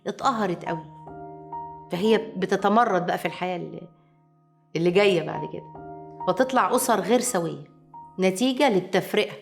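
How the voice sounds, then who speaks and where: A woman with an Egyptian accent giving a lively advice lecture to viewers, acting out quoted people as she talks. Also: mid-range voice, brisk, creaky, pauses often, soft background music. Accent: Egyptian Arabic. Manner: animated, acts out quoted voices. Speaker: family advice speaker.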